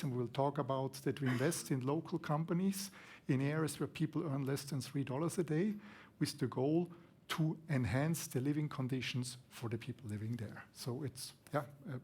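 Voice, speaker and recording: A man's voice: mid-range voice, normal speed, darkish tone, a little hiss or hum. A man born in Austria and raised in Switzerland, explaining his work as an impact investor on a conference panel. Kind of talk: panel discussion.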